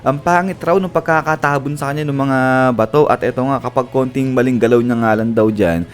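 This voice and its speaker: A man's voice: medium pitch, fairly even intonation, a little fast. A man casually retelling an anime episode as a recap narrator, chuckling often as he goes.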